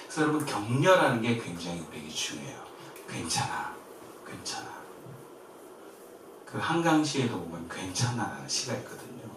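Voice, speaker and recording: A man from Korea preaching a sermon as pastor, in a lively way that swings from emphatic to soft and gentle. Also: fairly low pitch, quick pace, hardly any pauses, background noise. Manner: lively, shifts between loud and soft, quiet gentle quoted comfort. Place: church sanctuary. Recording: very echoey church from far off.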